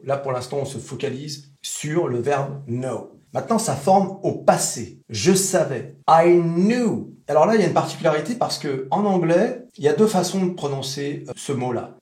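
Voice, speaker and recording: A man teaching pronunciation in a slightly raised voice, slowing down to repeat each word so the sound comes through. The room around him gives off a noticeable echo. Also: a little high, darkish tone. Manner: demonstrative, repeats words slowly to model sounds. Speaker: English teacher. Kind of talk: pronunciation lesson.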